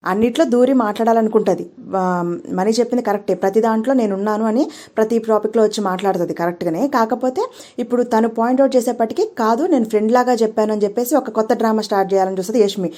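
A woman's voice: a little high, quick pace, mellow. A woman who hosts a reality show recap, giving opinionated casual commentary and retelling arguments in quoted speech.

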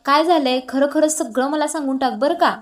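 A woman's voice: high voice, brisk, natural voice. A woman voicing a caring young sister-in-law who keeps asking earnest, coaxing questions.

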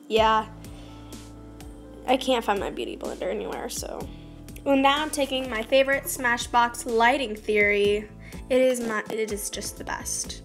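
A teenage beauty vlogger with a slightly scratchy, fairly high voice chats through her makeup routine in a small bedroom by a curtained window, rambling, making self-mocking jokes and drifting into mumbles. Her built-in camera mic is at arm's length, with faint background music.

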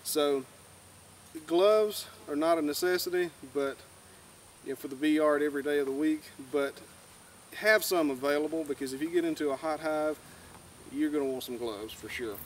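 A young beekeeper gives a folksy, plain-spoken, informal tutorial to camera in a grassy clearing beside some woods. His voice is a little high and moves at a moderate pace. A distant camera mic picks him up along with outdoor background noise.

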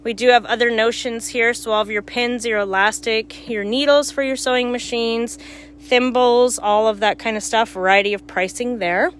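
A woman with a fairly high voice walks through a shop, casually pointing out products. She talks like a store worker showing viewers what is in stock. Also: fairly bright tone, a little hiss or hum. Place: small cluttered shop, indoors. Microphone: handheld phone.

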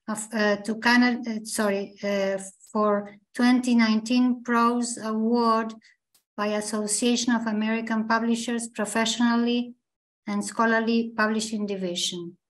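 A hoarse woman introducing a guest speaker, reading his bio aloud with fillers and self-corrections. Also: fairly high pitch, rough recording.

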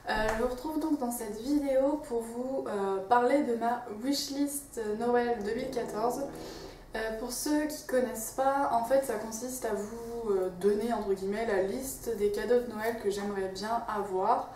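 A woman's voice: fairly high pitch, a little slow, darkish tone. A young woman vlogging about her wishlist in a casual, chatty way, with lots of fillers and restarts. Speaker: beauty vlogger. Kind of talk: casual chat to camera. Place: home office and living room. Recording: echoey room, mic a bit far, faint hiss.

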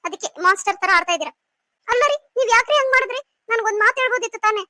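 A woman's voice: very high voice, racing, pushed and bright, dry recording, voice pushed up. A woman voicing a sulky, emotional young wife in a cartoon, with a pleading manner. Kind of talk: cartoon voice acting.

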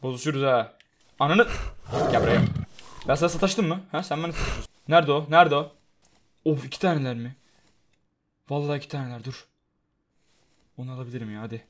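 Excitable man narrating his own gameplay. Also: fast talker, long pauses, slight background noise. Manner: excitable, swings from loud frustrated outbursts to low muttering; swears often, talks to the game. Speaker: gaming YouTuber. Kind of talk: live let's-play commentary.

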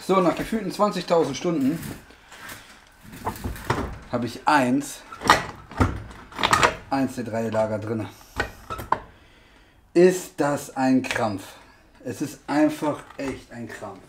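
With heavy background noise, a mechanic hosts a car repair vlog, taking it slowly with long pauses and lively intonation in a medium-pitched voice. He chats casually, thinks aloud while working, and uses lots of fillers.

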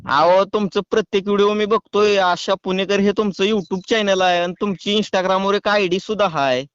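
Guy prank calling, high smooth voice, muffled phone sound, dry. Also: normal speed, no echo. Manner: calm, teasing, mock-official. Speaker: prank caller.

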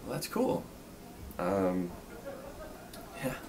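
Low-voiced, nervously laughing shy young man, acted by a man. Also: huge pitch swings, heavily acted. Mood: shy, hesitant. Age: 20s. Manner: hesitant and halting, nervously laughing off his awkwardness. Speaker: solo role-play performer. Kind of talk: spoken role-play to the listener, casual small talk. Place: indoor room at home. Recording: distant mic, clearly noisy room.

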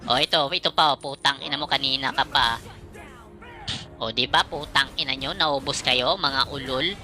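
A woman streamer giving excitable, foul-mouthed live commentary on her own gameplay, trash-talking her opponents. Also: extremely low pitch, normal speed, soft background music. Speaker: gaming streamer.

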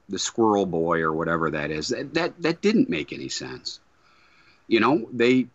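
A man in his fifties co-hosting a podcast, starting with hesitant restarts and then pressing his point in an animated way. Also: mid-range voice, dry recording. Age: 50s. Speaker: co-host. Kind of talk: casual podcast debate. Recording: dry slightly dull call audio.

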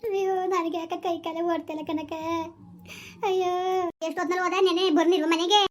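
A woman's voice: very high-pitched, steady tone, slight background noise. A woman playing a village wife whose husband has run off, complaining and wailing for a comedy skit. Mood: lamenting. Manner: wailing complaint in a fast village sing-song.

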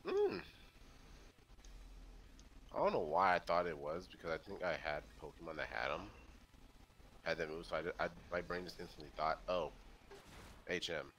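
A man hosting a let's play, chatting casually and excitably with a friend while he plays. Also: low-pitched, fairly quick, slight background noise. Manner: excitable, jokey banter with a friend. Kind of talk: casual gameplay commentary.

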